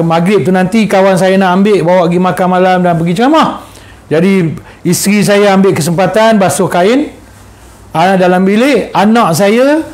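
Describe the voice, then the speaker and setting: A middle-aged man with a Malaysian Malay accent, a religious teacher telling a story in a lecture, animated and repetitive, often turning to address his listeners. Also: high voice. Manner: animated, repeats phrases and addresses the audience often.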